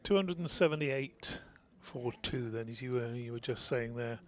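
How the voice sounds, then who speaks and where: A man's voice: mid-range voice, moderate pace. Radio cricket summariser guy, mid voice, chatty and easygoing. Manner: easygoing, teasing banter with fillers.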